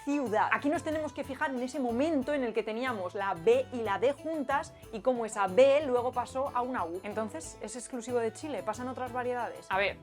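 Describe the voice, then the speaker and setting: A woman hosting a linguistics lesson, lively and playful, asking herself rhetorical questions. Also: a little high, fairly quick, hardly any pauses. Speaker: linguistics video host. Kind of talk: scripted educational explainer. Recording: light background music.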